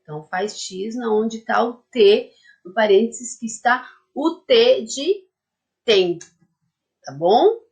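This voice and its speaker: Slow, patient woman teacher dictating letters. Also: fairly high pitch, animated, darkish tone. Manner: uses many diminutives and checks in with "tá?". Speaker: primary school teacher. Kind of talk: remote class lesson for young children.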